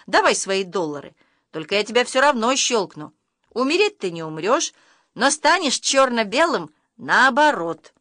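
A sinister camera on spindly legs chirps in a high, bright voice and sounds pleased with itself, as a woman acts it out. It sounds brisk and quietly threatening, a storybook villain. The recording is close and dry. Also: sing-song, dry recording. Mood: smug. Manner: smug, brisk and cheerfully menacing.

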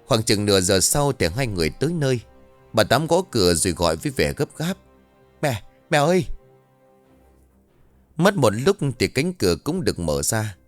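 A man telling a ghost story, his delivery lively and full of pitch swings. The sound is dry and close, with soft music underneath. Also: fairly quick, no room sound. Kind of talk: scripted ghost story narration.

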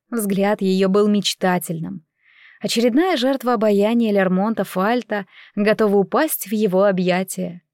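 A woman narrating a fantasy novel in an even, literary storytelling manner, close to the mic. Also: mid-range voice, no room sound. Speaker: audiobook narrator. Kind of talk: scripted narration.

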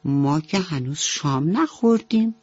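A woman's voice: low-pitched, animated, darkish tone, no echo. A woman voicing a young, innocent, homesick little calf in a radio bedtime story, with a plaintive, childlike way of talking. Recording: slightly dull radio recording.

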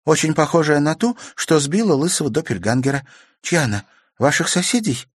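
A man's voice: on the high side, animated, fairly quick, breathy edge, dry recording, studio quality, pitched above the performer's own voice. A man voicing a surprised, curious young girl asking questions in a storybook reading. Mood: wondering. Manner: wondering, questioning.

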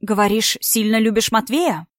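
A woman's voice: a little high, moderate pace, dry recording, clean studio sound, close to an everyday voice. A woman reading a storybook part, voicing a tired, defensive single mother in her thirties. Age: 30s. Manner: defensive, exasperated.

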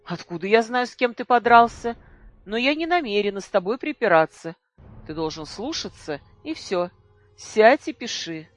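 Reader as cold, commanding mother, scornful, loud. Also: medium pitch, animated, normal speed, slightly rough, no echo, faint music behind, voice pushed up. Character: cold, stern mother losing her temper.

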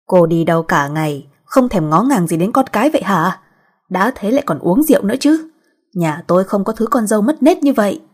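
A woman voicing an angry middle-aged mother who scolds harshly and loudly, in a husky voice. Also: medium pitch, expressive, brisk. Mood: furious.

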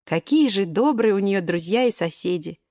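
A woman gently and expressively reading a children's story aloud. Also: medium pitch, animated, normal speed, no room sound, clean studio sound.

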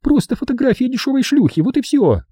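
A man voicing a sharp-tongued, scornful woman with a piercing falsetto in an audiobook. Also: very animated, a little fast, no echo, studio quality, exaggerated voice. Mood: sneering. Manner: contemptuous, snapping. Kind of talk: audiobook character voice.

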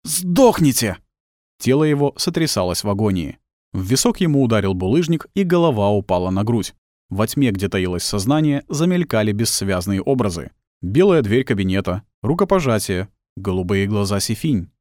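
A man narrating a dramatic audiobook in an expressive storytelling manner. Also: lowish voice, fairly quick, dry recording, studio quality.

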